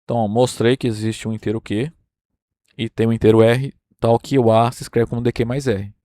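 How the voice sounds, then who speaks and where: A Brazilian man lectures through a number theory proof at an unhurried pace, pausing often to check that his listeners follow. His voice sits at an ordinary middle pitch, recorded dry and close with little room sound. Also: fairly even intonation, dark tone, no room sound. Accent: Brazilian Portuguese. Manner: explains step by step, checking in with "tá?" and "né?". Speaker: university math lecturer.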